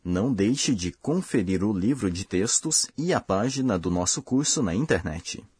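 A man hosting a language course, giving slow, careful, scripted explanations. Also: fairly low pitch, animated. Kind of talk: scripted lesson narration.

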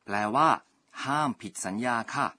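A man's voice: moderate pace, bright, forceful tone. A man teaching a radio language lesson, politely explaining each word in turn.

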